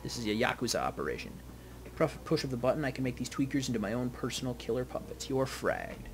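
A man voicing a calm, threatening male cyber-criminal hacker, reading video game dialogue aloud. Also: mid-range voice, fast. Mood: calm menace. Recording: game music behind the voice.

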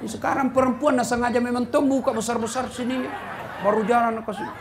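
Animated high-voiced comic preacher, man. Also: fast talker, over a noisy crowd, very noisy. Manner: animated, jumps from shouts to low mutters, acts out scenes. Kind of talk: comic sermon to a live crowd.

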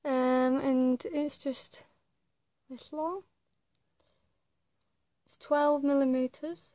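Young girl vlogger w tongue piercing, woman with high voice, kinda flat n hesitant, casual chat, dry room sound. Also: no echo. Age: young adult. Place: small attic bedroom, indoors. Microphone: phone or webcam at arm's length.

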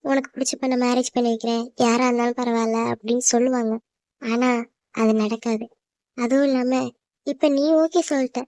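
A woman's voice: fairly high pitch, a little mellow, no echo, natural voice. A woman voicing an anxious, emotional young orphaned woman in a cartoon drama. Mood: worried. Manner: pleading, emotional.

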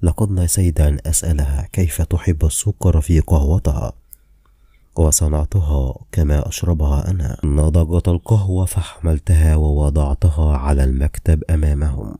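A man narrating a novel in the first person, calm and measured. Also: extremely low pitch, breathy edge, dry recording, studio quality. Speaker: audiobook narrator.

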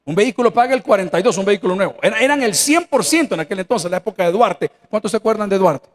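A man's voice: high voice, animated, very fast. A man with a Salvadoran accent preaching a sermon in a church, folksy and joking, acting out the voices of the people he quotes. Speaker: pastor. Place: church sanctuary.

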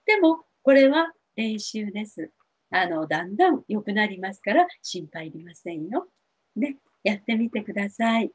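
A middle-aged woman counselor giving gentle, reassuring advice to TV viewers, with many fillers. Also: medium pitch, big pitch swings, normal speed, husky. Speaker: spiritual counselor answering viewer questions. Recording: dull lo-fi TV audio.

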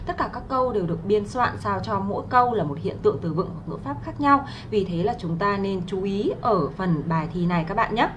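A woman's voice: medium pitch, fairly bright tone, slight background noise. A young woman teaching English to exam students on a livestream, speaking politely and patiently with many filler sounds and friendly tag questions, reading English words with a Vietnamese accent.

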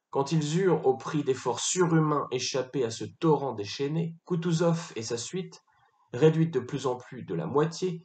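Male reader, mid pitch, dramatic literary narration, echoey room. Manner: narrates with rising intensity in battle scenes, occasional slips and restarts. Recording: roomy echo.

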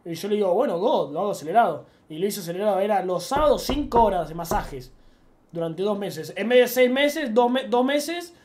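A young man in his twenties with an Argentine accent, telling slangy, animated anecdotes as a streamer. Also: sits high, normal speed. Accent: Argentine Spanish. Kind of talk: casual storytelling chat.

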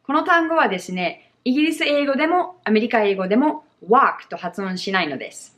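A young woman with an American accent gives a bilingual pronunciation lesson, slowly and clearly modelling example words. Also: a little high, lively intonation, a bit bright. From United States. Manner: slow, exaggerated model pronunciations. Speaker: English pronunciation teacher.

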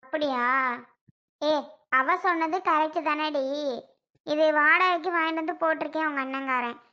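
A woman voicing a stern older mother-in-law who lectures and scolds with a sharp tongue. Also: high-pitched, steady tone, normal speed.

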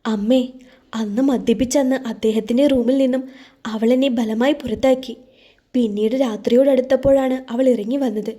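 A woman voicing a gentle, grieving young wife in an audio story, speaking softly and hesitantly. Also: a little high, fairly even intonation, moderate pace, close to an everyday voice. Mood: hurt, pleading.

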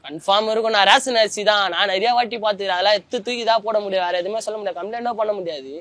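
Young man, high, fast, candid. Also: a bit bright, no room sound. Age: young adult. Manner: colloquial, often trails off searching for words. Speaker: interviewee, former prisoner. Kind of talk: emotional personal account.

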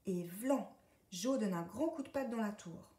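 A woman from a library, reading a children's picture book aloud in a calm, gentle voice. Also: mid-range voice, unhurried. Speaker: library storyteller. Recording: echoey room, distant mic.

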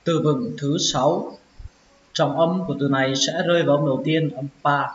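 A man giving a pronunciation lesson, sounding out each word slowly and repeating it several times. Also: on the high side, fairly even intonation. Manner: slow, drawn-out repetition of words. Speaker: English teacher. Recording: echoey, dull lo-fi with faint hiss.

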